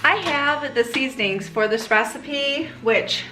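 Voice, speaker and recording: High-voiced woman chatting through everyday tasks. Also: animated, a little slow, over music. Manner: chatty, thinking aloud. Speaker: home cook and shopping vlogger. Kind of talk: casual narrated shop-and-cook vlog.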